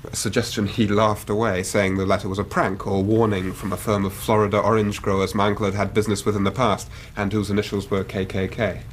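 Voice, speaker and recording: In a radio drama, an actor plays an earnest, anxious young Victorian Englishman, a grieving son narrating his own story in an earnest, grave mood. His natural voice sits on the low side, formal and precise, with little pitch movement, a brisk pace and hardly any pauses. Faint noise runs behind him.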